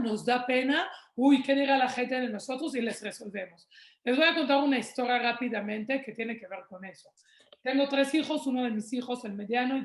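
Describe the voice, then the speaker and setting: A woman's voice: on the high side, roomy sound. A woman, answering questions in a webinar on raising children and telling stories from her own family. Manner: warm storytelling, acts out quoted dialogue. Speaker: parenting speaker.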